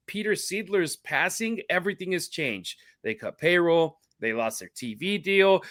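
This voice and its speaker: A man's voice: high-pitched, bright, forceful tone, no echo, studio quality. A man hosting a sports podcast, talking baseball in an upbeat, promo-style way. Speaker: podcast host.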